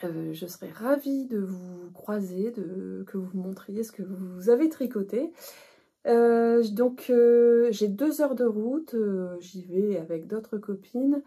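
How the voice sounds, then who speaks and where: A woman's voice: medium pitch, slow, mellow, breathy edge. A middle-aged woman hosting a knitting podcast, chatting casually with frequent hesitations and restarts. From northern France. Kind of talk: casual chat to camera.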